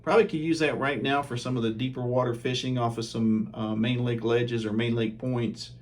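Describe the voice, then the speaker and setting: Reviewing baits from home for his fishing channel, this host keeps things relaxed and conversational, dropping plenty of ums and uhs. His voice sits in the middle range, and he speaks briskly.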